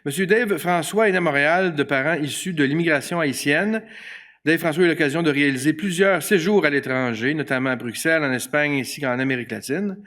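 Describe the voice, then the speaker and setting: A man's voice: on the high side, a little fast, fairly bright tone. A man, hosting an event and reading panelist introductions with occasional fillers. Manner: reads bios steadily with fillers.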